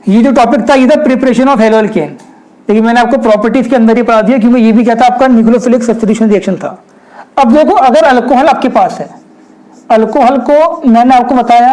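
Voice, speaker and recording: A young man's very high, slightly mellow voice carries a chemistry lecture at the whiteboard. Speaking directly to his students, he often asks rhetorical questions. The recording is of low quality.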